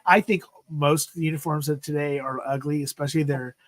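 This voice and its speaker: Chatting about football on his livestream, a fifties-aged man rambles, says "freaking" again and again, and often breaks off partway through a thought. He speaks a little fast in a steady, somewhat high voice, and there's no room sound.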